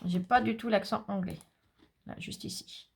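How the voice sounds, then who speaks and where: A woman's voice: medium pitch, fairly even intonation, moderate pace, gravelly, a little mellow, slight background noise. A French woman chatting casually to viewers as she unboxes craft supplies, enthusiastic and talkative. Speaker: craft vlogger.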